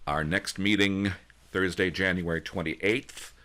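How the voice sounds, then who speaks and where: A man with an extremely deep voice hosts an online meeting over a video call. His tone is bright and forceful despite the low pitch. He talks in a folksy, joking way with plenty of ums and restarts. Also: fairly even intonation, a little slow. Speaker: user group organizer and host. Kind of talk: casual online meeting presentation.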